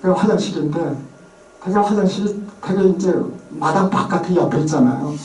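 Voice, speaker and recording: A somewhat high, slightly mellow male voice moves at a moderate pace through an informal lecture about place names. He chats freely and often mimics regional pronunciations. The room echoes and the microphone is far away.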